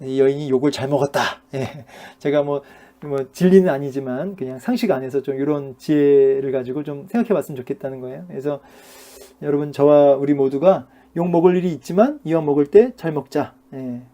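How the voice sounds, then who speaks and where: This middle-aged pastor's voice sits on the high side, warm in tone and slightly quick. Delivering a sermon-style Bible lecture to his class, he keeps it conversational, scattering fillers and putting rhetorical questions to the room.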